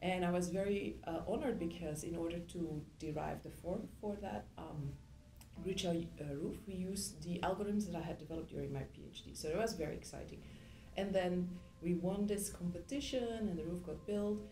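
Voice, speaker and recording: A woman's voice: lowish voice, moderate pace, dark tone, echoey room, slight background noise, low-quality recording. A middle-aged woman from Belgium, an engineering professor, answering interview questions thoughtfully with many ums and restarts. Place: indoor room.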